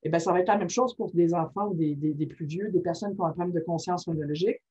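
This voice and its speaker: A woman presenting a workshop on reading disorders gives an informal, lively teaching talk, constantly checking in with "ok?" Her voice is fairly low, quick-paced, and breathy-edged, heard through a muffled lo-fi recording.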